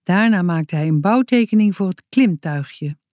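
A woman narrating a children's story aloud in an expressive, lively way. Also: on the low side, moderate pace, no room sound, studio quality.

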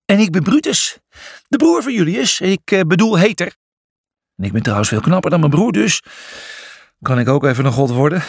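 A show-off hoofed prankster brother from a storybook, as voiced by a man. He sounds brash and boastful in a high, lively voice. There is a gravelly, husky grain to it. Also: moderate pace, long pauses, dry recording, clean studio sound, heavily acted.

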